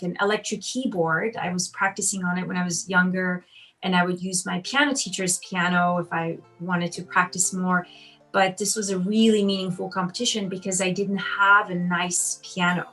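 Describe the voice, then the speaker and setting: A woman's voice: fairly low pitch, steady tone, normal speed, a bit bright, rough recording. A woman in her thirties who grew up in Austria, a piano teacher answering children's interview questions in a chatty, encouraging way with many ums and you-knows. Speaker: piano teacher and competition judge.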